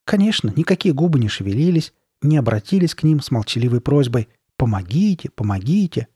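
A man narrating a horror story in a measured, dramatic reading style with slowed pauses. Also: mid-range voice, animated, mellow, husky, no room sound, clean studio sound. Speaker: audiobook narrator.

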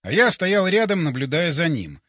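A man narrating a first-person sci-fi audiobook with expressive, animated storytelling, recorded on a close studio mic. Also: on the high side, normal speed, no room sound.

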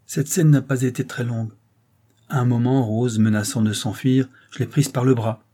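A man's voice: medium pitch, steady tone, moderate pace, mellow, natural voice. A man reading the part of a distraught young engineer, speaking in a pained, shaken way.

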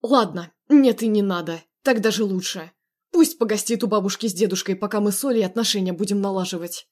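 Woman reading a domineering, menacing man, loud and commanding. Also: medium pitch, a little fast, close to an everyday voice. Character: Andrei, possessive domineering young man.

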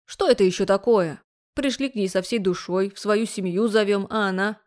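A woman's voice: medium pitch, moderate pace, darkish tone, lightly acted. A woman voicing a domineering, indignant middle-aged woman in an audiobook. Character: loud bossy overbearing middle-aged woman. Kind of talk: audiobook character voice.

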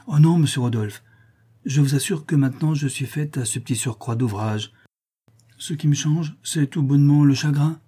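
Male reader doing a plaintive young Parisian working girl, mellow and husky. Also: moderate pace. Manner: tender, plaintive, lifting into a higher voice. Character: young working Parisian woman, sweet and worried. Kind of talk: audiobook character reading.

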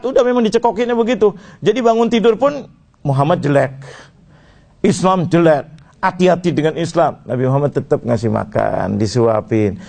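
A man preaching a sermon, asking his audience questions and swinging between high exclaims and low murmurs. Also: creaky, a little mellow.

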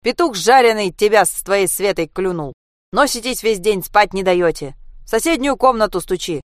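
A woman voicing an irritable adult neighbor who scolds loudly from behind a door in a read-aloud story. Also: mid-range voice, expressive, normal speed, no echo, studio quality, lightly acted. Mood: scolding. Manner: scolding, grumbling.

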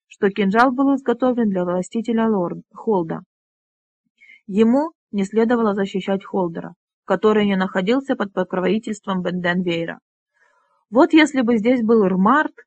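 Audiobook narrator, measured reading, mid pitch, dry recording. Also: no room sound, lo-fi sound. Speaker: audiobook reader.

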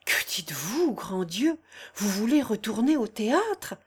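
A woman's voice: on the high side, big pitch swings, unhurried, husky, heavily acted. A woman reading the part of an aging nobleman who speaks earnestly and imploringly in a storybook. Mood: pleading. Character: aging noble count, grave and pleading.

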